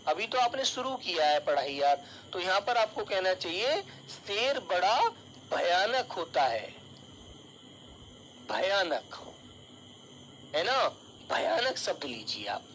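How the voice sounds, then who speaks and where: A man's voice: high-pitched, big pitch swings, slow, long pauses, a bit bright, highs cut off, a little hiss or hum. A male teacher giving an online exam-prep lesson, calling his students child and dear and explaining with everyday examples.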